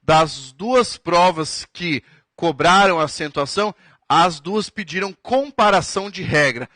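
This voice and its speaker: A man's voice: sits high, pushed and bright, no echo. A man with a Brazilian Portuguese accent giving a recorded grammar lesson for an exam, stretching out key words and checking in with "tá?". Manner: drawn-out emphatic words, frequent "tá?" check-ins, writing on a board. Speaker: exam prep teacher.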